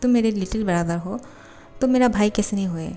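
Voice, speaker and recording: A woman's voice: mid-range voice, a little fast, warm tone, faint music behind, close to an everyday voice. A woman reading the part of a protective twelve-year-old boy who pleads with his younger cousin. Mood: pleading. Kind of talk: fan fiction voiceover storytelling.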